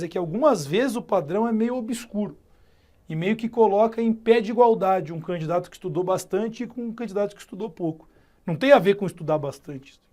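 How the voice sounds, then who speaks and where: A middle-aged Brazilian man teaching logic in a recorded video lesson, telling a story and working through the problem step by step. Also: high voice. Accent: Brazilian Portuguese. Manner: storytelling, animated, thinks aloud step by step. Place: Curitiba, Brazil.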